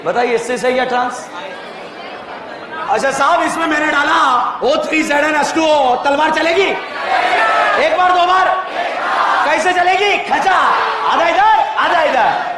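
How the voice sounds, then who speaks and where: A man lectures a chemistry class in a jokey, rapid-fire quiz style, often raising his voice to call out questions. His voice sits very high. The recording is roomy and echoey, with the murmur of students and steady background noise behind him. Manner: jokey, often calls out loudly. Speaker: chemistry teacher. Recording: echoey room with crowd noise.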